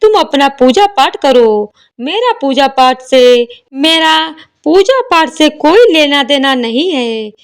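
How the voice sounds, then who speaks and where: A woman's voice: high-pitched, big pitch swings, slow pace, few pauses, full character voice. A woman voicing a spoiled young wife who talks back dismissively. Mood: defiant. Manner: dismissive, stubborn.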